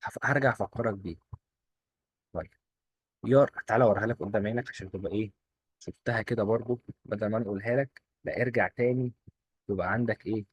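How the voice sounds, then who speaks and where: Quick husky Egyptian teacher, drilling. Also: male voice, fairly low pitch, dry recording. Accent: Egyptian Arabic. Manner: quizzing, asks and answers his own questions; coaxing, repeats rules in quick drills. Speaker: German teacher. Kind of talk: exam-prep lesson.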